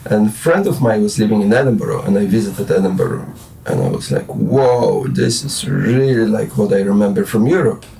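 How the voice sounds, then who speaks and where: A man's voice: on the low side, moderate pace, vocal fry, hardly any pauses, warm tone, distant mic, slight background noise, rough recording. A Polish man in his forties with a Polish accent, rambling and restarting as a guest in a casual late-night interview. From Poland. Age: 40s. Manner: rambling, hesitant, many restarts and fillers. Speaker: guest musician.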